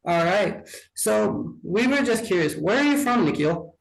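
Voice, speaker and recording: A twenty-two-year-old man from Wyoming hosts a casual podcast, asking his questions in an easygoing, upbeat way. His voice runs high for a man, and the recording has a roomy, echoey sound. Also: animated, measured pace, vocal fry. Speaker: podcast host. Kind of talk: casual interview chat.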